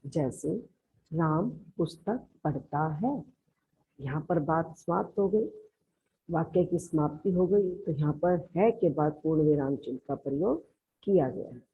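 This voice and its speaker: A woman's voice: deep voice, normal speed, slightly rough. A woman school teacher with a Haryanvi Hindi accent, patiently explaining a grammar lesson and addressing the pupils affectionately. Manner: explains patiently, calls listeners "beta". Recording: lo-fi, narrow band.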